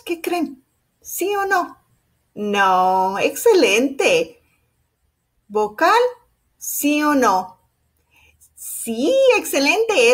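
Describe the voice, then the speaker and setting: A young woman teaching young children, speaking in, in a slow, sing-song, encouraging way. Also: fairly high pitch, breathy edge. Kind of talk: children's lesson.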